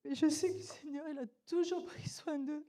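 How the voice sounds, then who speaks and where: A middle-aged woman giving an earnest church testimony, halting often and restarting her sentences. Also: high-pitched, steady tone, mellow. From Italian roots. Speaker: guest speaker giving a testimony.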